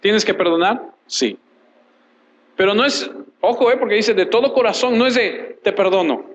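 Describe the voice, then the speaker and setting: A man preaching a sermon as a pastor. He asks questions and answers them himself, repeats short phrases for emphasis and reads scripture aloud in a measured way. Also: sits high, poor audio. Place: church.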